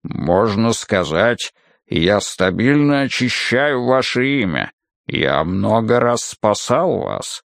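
A man voicing a hulking, menacing and scornful brute in an audiobook, with a deep, guttural, rumbling voice and a slow, drawn-out delivery. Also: very animated, vocal fry, no echo, clean studio sound, full character voice.

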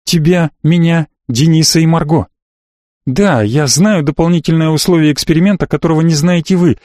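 A sharp-tongued young woman, put on by a male audiobook reader, who talks back in scornful, clipped retorts. The voice sits noticeably higher than the reader's usual voice, in a dry, close recording. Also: normal speed, no echo, close to an everyday voice. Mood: defiant.

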